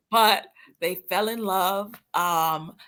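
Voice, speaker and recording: A woman's voice: fairly low pitch, animated, measured pace, bright, forceful tone. A woman from England raised in Guyana and Brooklyn, a guest author telling her family story in an interview, laughing often as she talks. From born in England, raised in Guyana and Brooklyn.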